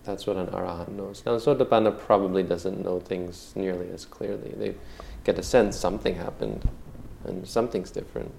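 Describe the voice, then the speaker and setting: A male meditation teacher answers questions in a calm, measured dharma-talk manner. His voice is low and gravelly, with a dark, mellow tone and very little rise and fall. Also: a little hiss or hum. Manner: calm, measured, frequent "you know".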